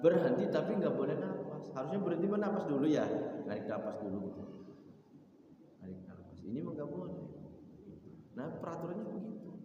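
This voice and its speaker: Male Quran teacher, mellow and unhurried. He gives casual tajwid explanations and slow chanted verses, recorded from afar in a big mosque hall with heavy echo. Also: a little high, expressive, recorded from a distance, dull audio, a little hiss or hum. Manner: explains plainly, chants verses slowly, chuckles often.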